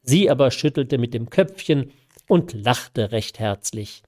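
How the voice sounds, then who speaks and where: Mellow-voiced man reading a novella aloud. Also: medium pitch, expressive. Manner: unhurried storytelling, chatty asides. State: scratchy throat. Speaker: reader of a novella. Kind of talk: live sight-reading of classic prose.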